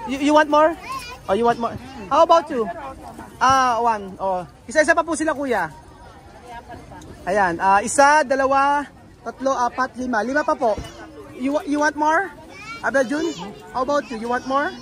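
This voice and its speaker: A woman vlogging outdoors, chatting with children in a lively, coaxing way and switching between languages. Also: sits high, moderate pace, long pauses. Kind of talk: casual vlog chat with children. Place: busy street outdoors. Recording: crowd and music noise outdoors. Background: street crowd and music.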